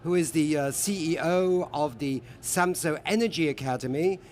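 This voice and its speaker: A man's voice: a little high, moderate pace, darkish tone, a little hiss or hum. A man hosting a live broadcast panel, introducing guests in a jovial, chatty way. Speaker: host. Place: lives in Berlin.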